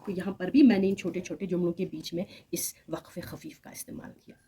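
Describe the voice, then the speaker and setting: Lady with an urdu accent teaching grammar, low-ish husky voice, slow and patient. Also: fairly even intonation, dark tone. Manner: patient, explanatory, with spoken examples. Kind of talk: recorded grammar lesson.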